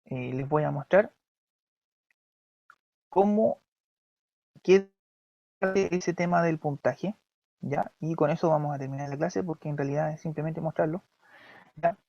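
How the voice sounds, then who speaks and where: A man's voice: a little high, a little slow, gravelly, long pauses, darkish tone, dry recording. A man with a Chilean accent who teaches an online class, explaining step by step and often checking in with the students. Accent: Chilean Spanish. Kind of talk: recorded online class lecture. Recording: dry, dull lo-fi mic.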